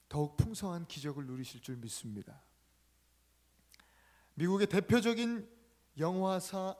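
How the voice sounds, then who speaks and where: Male pastor, sermon, emphatic storytelling, slightly high voice, loudness swings.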